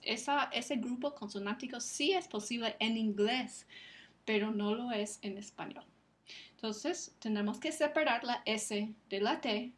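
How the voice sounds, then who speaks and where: A woman delivers a recorded lecture in a slightly high voice. She explains step by step and sounds out each example word slowly and carefully. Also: fairly bright tone. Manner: careful, slow enunciation of example words. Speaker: Spanish phonetics lecturer.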